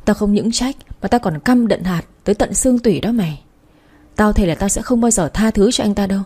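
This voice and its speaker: Brief: woman reading an enraged young mother, bitter and insulting, in a warm, mellow tone. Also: mid-range voice, fairly quick, breathy edge, lightly acted. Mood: bitter, vengeful. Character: furious young mother fighting for her baby.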